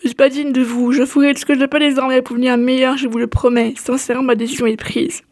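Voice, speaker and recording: Une femme qui prête sa voix à un scorpion mâle épuisé et repentant, qui parle d'une voix pitoyable et larmoyante. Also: female voice, high-pitched, little pitch movement, fast talker, a little mellow. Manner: pitiful, tearful. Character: tired, remorseful male scorpion.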